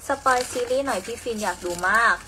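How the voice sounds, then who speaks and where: A woman's voice: on the high side, fast, sharp tone, slight background noise. A young woman chatting casually on a live stream, reading out viewer comments while packing orders, playful and talkative.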